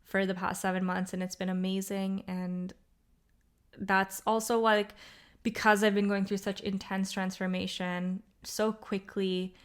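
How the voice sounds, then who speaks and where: A woman's voice: medium pitch, little pitch movement, measured pace, smooth. A young woman hosting her own podcast, talking casually and rambling with many fillers, a little tired. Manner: rambling, upbeat, lots of fillers. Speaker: podcast host. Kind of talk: casual solo podcast monologue.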